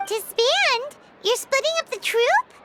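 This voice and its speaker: A woman's voice: very high voice, lively intonation, slow pace, heavy background noise, heavily acted. An actress voicing Paimon, a tiny chirpy floating female companion who talks about herself in the third person, in a game scene. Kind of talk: game voice acting. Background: game soundtrack music.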